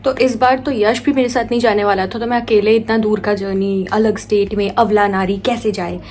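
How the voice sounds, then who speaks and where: A young woman vlogger telling a personal story in a lively, animated way, switching between Hindi and English and acting out her own quoted lines. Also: mid-range voice, brisk, a little hiss or hum. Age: young adult. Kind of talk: casual storytelling vlog.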